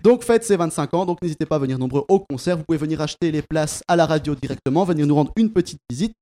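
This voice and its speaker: A man hosts a radio quiz from the studio, teasing his guests as he goes. His voice sits high and his words come quickly. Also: lively intonation, dark tone. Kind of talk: playful radio quiz chat.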